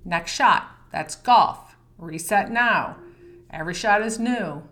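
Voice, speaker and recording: Calm woman coaching golf mindset. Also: mid-range voice, takes it slowly. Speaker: golf mental-game coach. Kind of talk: course lesson.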